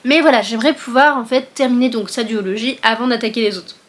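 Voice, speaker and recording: A young woman with a fairly high voice talks straight to the camera in a casual book chat. She rambles, corrects herself and fills pauses with little hesitations. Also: fairly even intonation. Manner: chatty, rambling with many fillers and self-corrections. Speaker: book vlogger.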